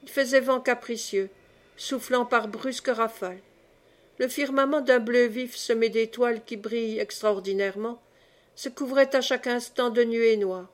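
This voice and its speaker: A woman reading a classic novel aloud in measured, expressive narration. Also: a little high. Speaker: audiobook reader. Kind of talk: scripted narration.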